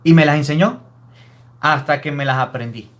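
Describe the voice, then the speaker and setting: High-voiced priest preaching. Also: male voice, moderate pace. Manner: emphatic, scolding preaching with rhetorical questions. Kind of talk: sermon.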